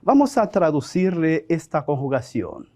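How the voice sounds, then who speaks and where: A man's voice: fairly high pitch, sing-song, darkish tone. A man teaching a bilingual French lesson, saying phrases for repetition and dictating sentences. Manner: slow, deliberate, drills phrases for repetition.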